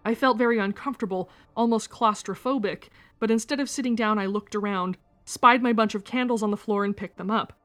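A woman's voice: mid-range voice, faint music behind. Woman narrating a first-person story. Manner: steady, measured storytelling. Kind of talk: reading a first-person memoir aloud.

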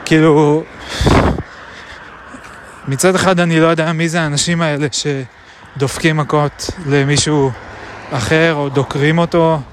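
A man recording a reflective spoken diary outdoors, musing aloud with many pauses and hesitations. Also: on the high side, flat delivery. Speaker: video diarist. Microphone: action camera. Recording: traffic noise outdoors.

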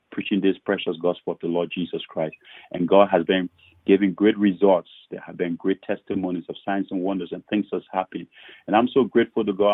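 Low husky pastor from Liberia on a call. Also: male voice, no room sound. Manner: earnest, repeats words when starting sentences. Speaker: pastor and author. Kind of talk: podcast interview testimony. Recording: muffled phone-like line.

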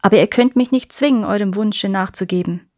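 Woman doing a young girl in a fairy tale, calm, firm, steady. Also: mid-range voice, brisk, no echo, clean studio sound, natural voice. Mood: resolute.

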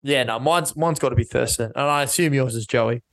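A man's voice: medium pitch, brisk, vocal fry, a bit bright. Easygoing young Australian man, mid voice. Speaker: podcast co-host. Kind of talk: casual chat.

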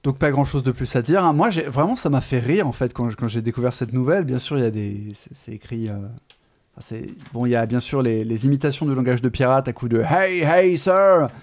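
A man co-hosts a relaxed discussion about books. He talks in a chatty, halting way, often pausing and restarting his sentences. His voice sits at an ordinary middle pitch. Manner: hesitant, many fillers and restarts, chatty. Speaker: podcast co-host. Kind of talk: casual literary discussion.

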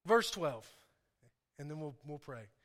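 A man's voice: on the high side, very animated, a little slow, fairly bright tone. A man preaching an informal, impassioned sermon to a congregation, repeating phrases for emphasis and dropping in conversational asides.

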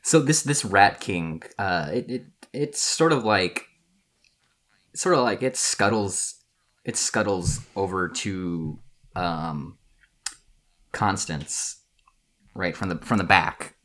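A man narrating as game master of a tabletop game, halting, with many restarts and fillers. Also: low-pitched, fairly bright tone.

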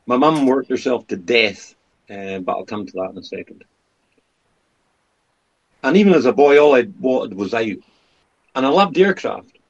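A Scottish Highlander in his fifties with a gravelly, creaky voice of medium pitch. He chats candidly and casually, like someone telling his own story, and swears freely. The sound is a bit dull and lo-fi. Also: animated, normal speed, pauses often. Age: 50s. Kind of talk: casual conversational talk and personal storytelling.

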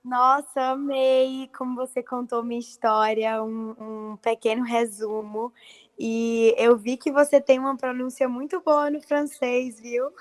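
Paraíba-accented young woman, high and dry. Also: flat delivery, slow pace, no room sound. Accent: Paraíba Brazilian Portuguese. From Paraíba, Brazil. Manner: earnest, fluent, many fillers. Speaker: actress guest. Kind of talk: casual interview chat.

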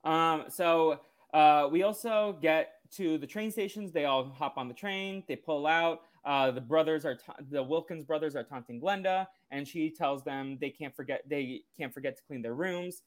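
A man's voice: a little high, normal speed, few pauses. A man co-hosting a podcast, casually recapping a cartoon episode in a loose, rambling way. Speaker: podcast co-host.

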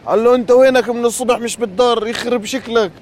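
A man works the street, upbeat and quick, coaxing strangers to tell him jokes. His voice sits high. Passing traffic hums loudly behind him. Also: steady tone. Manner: upbeat, prompting people for jokes. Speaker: street interviewer. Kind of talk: casual street chat. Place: city street outdoors.

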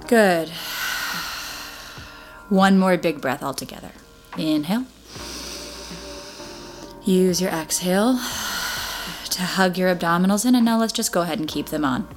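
A woman with a fairly low voice teaches a guided Pilates class. She gives encouraging instructions one step at a time. Music plays faintly behind her. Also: a little slow, long pauses.

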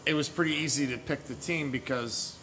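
Male guest from New York State, playful and quick to laugh, mid-range voice. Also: mid-range voice, fairly even intonation, sharp tone, faint music behind. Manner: joking, laughs often. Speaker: podcast guest, beer educator. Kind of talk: casual chat. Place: brewery taproom.

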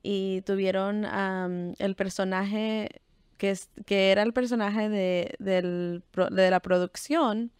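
A young woman from Texas speaks in a smooth, clean voice, recorded close and dry. She chats casually as a guest, sprinkling English fillers through her Spanish. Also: mid-range voice, fairly even intonation, takes it slowly, a little mellow, dry recording. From Texas, United States. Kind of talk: casual interview conversation.

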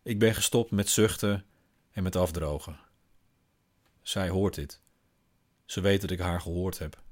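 A man, a father, reading a first-person literary story in a calm, wry, observant manner. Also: low voice, a little slow. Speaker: father and narrator.

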